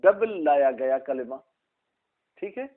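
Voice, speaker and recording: A man teaching an Arabic grammar class, explaining slowly and quizzing his students by name. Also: medium pitch, lively intonation. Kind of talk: classroom lesson, questioning students. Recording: tinny phone-like recording.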